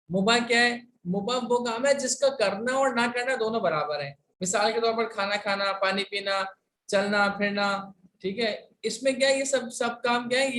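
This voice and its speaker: A man's voice: very high voice, a bit bright. A man from Pakistan teaching a religious class, patiently asking rhetorical questions and answering them himself. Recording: roomy sound, distant from mic, faint hiss.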